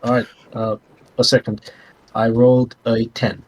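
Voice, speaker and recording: A man's voice: medium pitch, flat delivery, a little slow, darkish tone, lo-fi sound. A man playing a tabletop game, blunt and casually swearing. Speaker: player.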